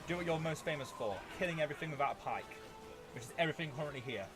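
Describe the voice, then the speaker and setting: A man's voice: fairly high pitch, animated, racing, music in the background. A man giving strategy game commentary as a video host, playfully theatrical, talking to his units and making mock threats.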